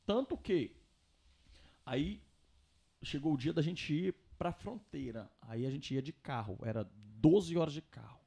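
A young Brazilian man, telling his story casually on a podcast in a slangy, animated way. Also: fairly high pitch, unhurried, vocal fry, husky.

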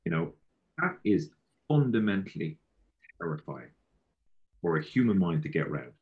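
A man's voice: sits low, big pitch swings, moderate pace, gravelly, dull audio. A man from Galway with a west of Ireland accent, talking casually and philosophically, repeating himself and leaning on filler phrases. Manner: repeats himself, peppers talk with "you know".

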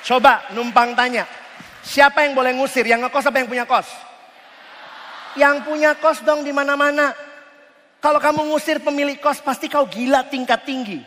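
A man giving a lively youth sermon, joking with the crowd and asking it questions. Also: very high-pitched, normal speed. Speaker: preacher. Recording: long hall reverb.

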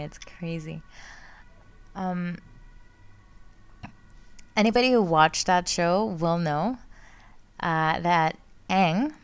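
Her pitch fairly low and her voice smooth, a young Greek astrology student rambles through her casual solo podcast, often laughing and self-correcting. She's recording outdoors amid sirens.

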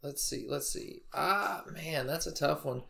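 A young man with a somewhat high voice and a gravelly, fried edge co-hosts a podcast. He chats in a joking, laid-back way and swears freely. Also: measured pace, bright, forceful tone. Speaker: podcast co-host. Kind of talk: casual chat.

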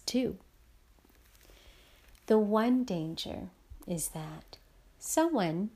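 A woman podcast host talking intimately and unscripted, musing and effusive, with a breathy voice that often drops to a near-whisper. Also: mid-range voice, warm tone.

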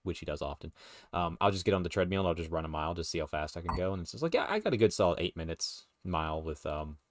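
A man co-hosting a podcast, chatting casually, rambling with restarts and quick laughs. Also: low voice, animated, no room sound, studio quality. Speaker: podcast co-host. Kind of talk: casual chat.

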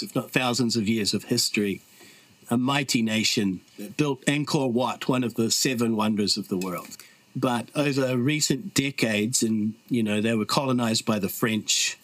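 The audio is poor and dry, carrying a medium-pitched, slightly bright male voice. It belongs to a middle-aged New Zealand podcast guest whose casual storytelling is reflective and earnest, full of fillers.

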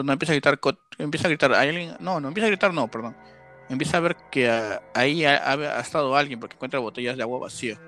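A man's voice: on the high side, fairly bright tone. A man, co-hosting a casual podcast and retelling a film plot step by step.

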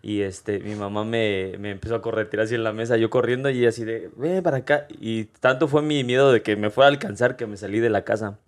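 Mexican man telling a lively story. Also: fairly low pitch, fast, hardly any pauses. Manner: animated storyteller, swears casually. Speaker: podcast host. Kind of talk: casual chat.

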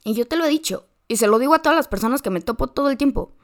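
Woman, Mexican accent, somewhat high voice, podcast host, blunt slangy advice. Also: expressive, racing. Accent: Mexican Spanish. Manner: direct, slangy, addresses listener. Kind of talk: motivational advice monologue.

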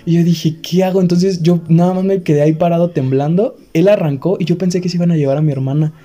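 A young man with a Mexican accent tells a story in casual chat, rattling along quickly. His voice is mellow and a little high, and he breaks into nervous laughs now and then. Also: steady tone. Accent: Mexican Spanish.

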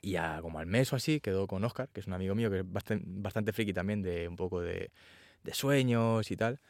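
Man, fairly low voice, animated storyteller, dry close sound. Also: brisk, no room sound. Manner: animated storytelling, acts out quotes. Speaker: actor guest. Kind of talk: casual interview chat.

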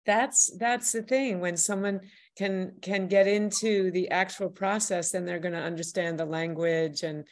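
A woman's voice: lowish voice, fairly even intonation, measured pace, hardly any pauses. A woman hosting an interview, enthusiastic and encouraging toward her guest. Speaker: host, workshop leader. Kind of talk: podcast interview.

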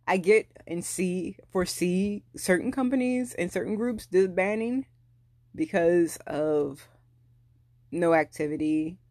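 A thirty-year-old podcast host with a mid-range voice talks alone in a casual, rambling solo monologue, frequently stopping to correct themself. There is no echo in the recording.

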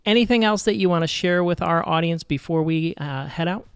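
A male podcast host with a smooth, resonant voice, asking easy, encouraging questions in a casual interview. The sound is dry and close, with no room in it. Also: fairly high pitch, brisk, no echo. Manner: gentle, encouraging questions to a child.

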